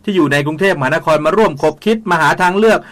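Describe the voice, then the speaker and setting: A man hosting a community radio talk show, polite and quick with short acknowledgments. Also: sits high, a bit bright. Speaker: radio host.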